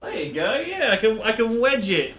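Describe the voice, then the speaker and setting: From a room at home, a man chats casually during a live game stream, his high, somewhat bright voice swooping wildly in pitch at a moderate pace. The sound is roomy and echoey, with a little hiss or hum and faint game music behind.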